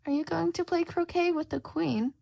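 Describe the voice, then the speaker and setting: A woman's voice: extremely high pitch, moderate pace, creaky, warm tone, voice pushed up, full character voice, low-quality recording. A woman voicing a playful, knowing female cat, grinning and a little mad, in an audiobook fantasy tale. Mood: sly, airy.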